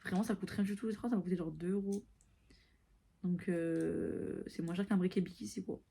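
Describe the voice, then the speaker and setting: A woman's voice: lowish voice, fairly even intonation, fairly quick, gravelly, dark tone, slightly rough. A woman in her early twenties chatting casually to camera, tired and mixing English phrases into her talk. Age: early 20s. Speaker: vlogger.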